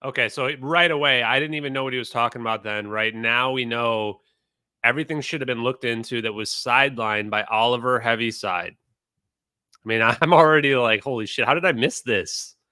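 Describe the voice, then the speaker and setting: Excitable man with a bright, crisp voice. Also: medium pitch, moderate pace, no echo. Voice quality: excitable, chatty, talks to viewers. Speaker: host reacting to a podcast. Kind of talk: casual reaction commentary.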